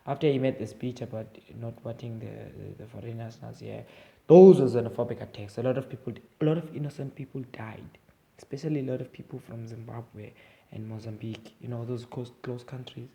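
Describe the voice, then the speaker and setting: A young man with an Eastern Cape South African accent talks through his views in a loose, meandering vlog, stopping and restarting often. His voice is gravelly and dark. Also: mid-range voice, fairly even intonation, brisk. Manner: rambling, hesitant, with many fillers and restarts. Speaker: vlogger. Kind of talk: casual opinion monologue.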